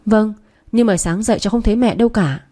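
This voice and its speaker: A woman's voice: medium pitch, fast talker, warm tone, voice pushed up, natural voice. A woman voicing a remorseful, fragile young daughter who speaks timidly and pleadingly. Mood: anxious.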